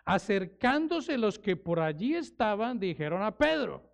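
High-voiced gravelly male preacher. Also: big pitch swings. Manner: dramatic, acts out quoted voices, slows for emphasis. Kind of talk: expository sermon. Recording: dull lo-fi recording.

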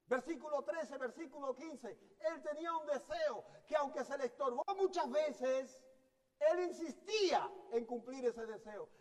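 High-voiced man preaching in a reverberant hall. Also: measured pace. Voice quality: hesitant restarts mid-sentence. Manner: teaching, asks the congregation rhetorical questions. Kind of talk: sermon.

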